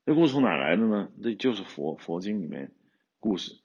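A man with a lowish, slightly mellow voice and a breathy edge talks a little fast with big pitch swings, and the sound is lo-fi. He's a podcast host and screenwriter-director, casually retelling an old tale in a loose storytelling commentary full of frequent restarts.

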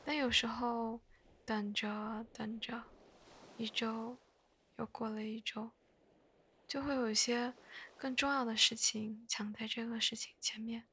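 A woman chatting in a soft, breathy whisper for bedtime listening, hushed and gently unhurried, close to the mic. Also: on the high side, level tone, a little hiss or hum. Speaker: host of a bedtime podcast.

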